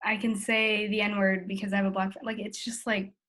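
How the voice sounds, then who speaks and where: A medium-pitched, fairly bright voice with little pitch movement comes from an eighteen-year-old woman talking a little fast in an American accent. Originally from the Philippines but raised in the United States, she's the interviewee in a candid family chat, informal, self-reflective, and full of "like".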